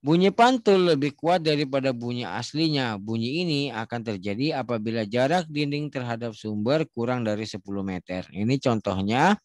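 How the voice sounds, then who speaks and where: A man explains a lesson in a casual, chatty way. His voice sits at an ordinary middle pitch. The recording is dry and close, with no room echo. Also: lively intonation, moderate pace. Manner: demonstrates echoes by shouting and imitating sounds. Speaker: teacher.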